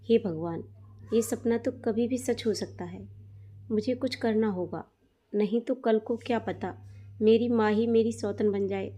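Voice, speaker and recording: A woman voicing a young daughter who is quick to anger and fear, speaking in sharp outbursts in a Hindi storybook. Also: on the high side, fairly even intonation. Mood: worried.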